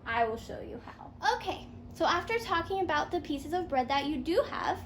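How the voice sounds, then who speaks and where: A very animated woman speaks in a high pitch at normal speed, taking her pupil through a playful fairytale math lesson step by step. She encourages them with sing-song questions and repeats the answers, recorded in an echoey room with faint noise.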